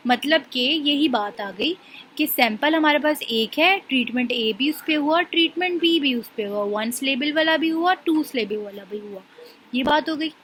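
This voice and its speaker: A young woman walks through an assignment solution, explaining quickly and reading English definitions out slowly. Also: high voice, animated, fairly bright tone, a little hiss or hum, poor audio. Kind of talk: casual tutorial walkthrough.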